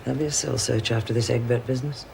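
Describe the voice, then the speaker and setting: Scheming prison officer, curt, bossy, gravelly, quick, TV drama, noisy soundtrack. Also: female voice, a bass voice, fairly even intonation, a little mellow. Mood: conspiratorial. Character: brisk, scheming prison officer bossing inmates around. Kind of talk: television prison drama acting.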